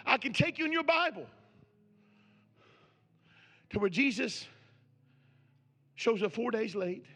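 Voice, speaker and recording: A man's voice: extremely high pitch, animated, slow, pauses often, pushed and bright, soft background music. A man preaching a sermon as pastor, building with repeated questions.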